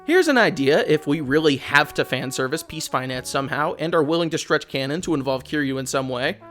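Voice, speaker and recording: Over faint music, this male host speaks on the high side, expressive and a little fast, with a fairly bright tone. His opinionated game commentary as a video essayist is blunt, sardonic, and casually profane, delivered conversationally from a loose script full of asides.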